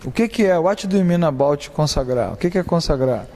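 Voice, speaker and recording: A man leads a Bible class, speaking in a rather high voice and keeping it conversational by quizzing his students. His talk rings out with a long reverb, as in a classroom or church hall. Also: expressive, fairly quick, mellow, a little hiss or hum. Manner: conversational, asks the class questions, acts out examples. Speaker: Bible study teacher.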